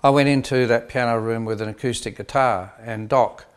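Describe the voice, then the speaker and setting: An older man, a band member, telling a relaxed, rambling story in an interview with many pauses and fillers. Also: medium pitch, smooth. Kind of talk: reminiscing interview.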